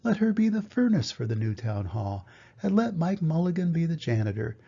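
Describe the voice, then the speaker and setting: A man's voice: fairly high pitch, very animated, normal speed, creaky, dark tone, slightly rough, lo-fi sound, pitched above the performer's own voice, exaggerated voice. A man voicing an eager, helpful little boy in a children's storybook, earnest and urging. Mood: earnest, hopeful.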